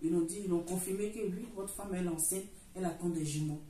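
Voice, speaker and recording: A middle-aged woman gives a church testimony, her voice mellow and dark. She tells it earnestly and repeats herself often, restarting her sentences. She is heard from some way off the microphone in an echoing church hall, with faint noise behind her. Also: fairly low pitch, a little fast. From Africa. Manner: earnest, repetitive storytelling with many restarts. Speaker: church member giving testimony. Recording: roomy echo, far from the mic, faint noise.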